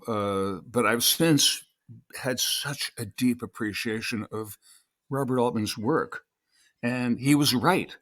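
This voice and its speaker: A man's voice: on the low side, fairly bright tone. An older man, an actor and podcast guest, telling long anecdotes in a casual interview with many restarts.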